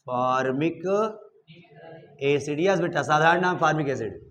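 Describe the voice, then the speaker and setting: A man's voice: on the high side, a little slow, fairly bright tone, a little hiss or hum. A man teaching chemistry in a classroom lecture, coaxing his students with questions as he goes. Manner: coaxing, asks students questions and calls them "beta".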